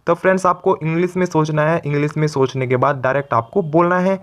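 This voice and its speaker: A man's voice: a little high, fast. A man teaching spoken English in a motivational video lesson, coaching listeners step by step and calling them friends. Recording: dull lo-fi sound.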